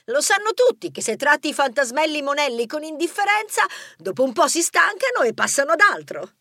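Man voicing a bossy sharp-tongued heroine. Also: extremely high pitch, sing-song, a little fast, no echo, studio quality, pitched above the performer's own voice, full character voice. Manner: impatient, scolding. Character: bossy sharp-tongued female detective partner.

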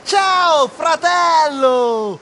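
A man voicing a jolly, hearty male mouse castaway in a storybook, talking loudly and drawing out his words. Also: sits high, moderate pace, pitched above the performer's own voice.

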